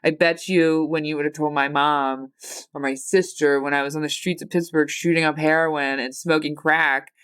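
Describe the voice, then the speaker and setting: A woman's voice: low-pitched, steady tone, moderate pace, fairly bright tone, clean tone. A woman in her thirties hosting a solo podcast, talking in a rambling, heartfelt, confessional way full of fillers and restarts. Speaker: podcast host.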